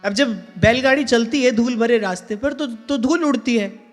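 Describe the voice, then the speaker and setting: Faint music and long hall reverb surround a male spiritual teacher as he delivers a devotional sermon with sung verses in a large hall. He speaks at normal speed in a very high-pitched voice, earnestly repeating key phrases for emphasis.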